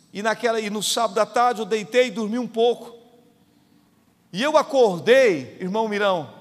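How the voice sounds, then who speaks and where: Brief: high-voiced male pastor, Goiás Brazilian accent, emphatic storytelling sermon, long hall reverb. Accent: Brazilian Portuguese, Goiás. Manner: emphatic, storytelling preacher, rising to fervent peaks. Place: church sanctuary.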